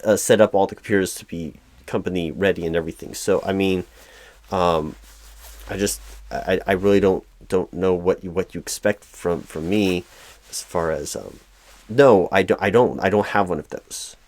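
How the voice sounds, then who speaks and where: A man with a low, slightly mellow voice improvises one side of an audio roleplay as a flustered, apologetic corporate hiring manager. At a moderate pace he stammers and repeats himself, exasperated, frustrated and hesitant. There is no room sound.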